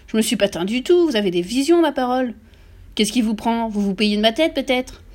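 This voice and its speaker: A blustering, dim-witted father who bellows and swears at his family, as a woman reading an audiobook puts him on. He is loud and vain, and his raised, shouting voice stays above the reader's own. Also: on the high side, lively intonation, a little fast, lightly acted. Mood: bellowing.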